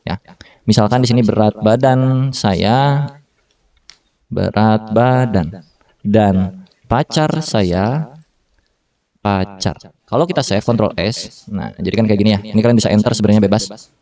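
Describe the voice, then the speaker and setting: A man in his thirties, working as a programming tutor, gives a laid-back coding lesson in slangy Jakarta-style speech full of fillers, often correcting himself mid-sentence. His mellow voice sits fairly low and moves a little slowly with frequent pauses. The recording was made from a distance.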